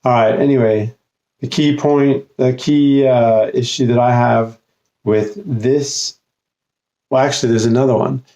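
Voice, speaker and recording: A man explaining grammar in an unscripted lesson, his voice sitting at an ordinary middle pitch. He talks casually and unhurriedly, stopping often with fillers and restarting his sentences as he works through each point. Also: fairly even intonation, measured pace, dark tone. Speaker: English writing tutor.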